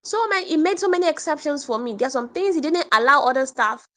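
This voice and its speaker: A woman teaching an online English communication workshop, animated and repeating points for emphasis. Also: high voice, quick pace.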